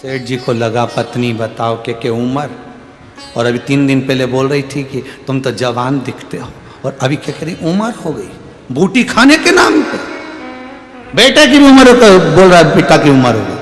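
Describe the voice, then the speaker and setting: A man giving a devotional katha sermon, animated and humorous, acting out voices in his stories. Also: mid-range voice, moderate pace. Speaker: Shiv Purana katha preacher. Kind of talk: devotional sermon with comic storytelling. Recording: echoey hall with faint music.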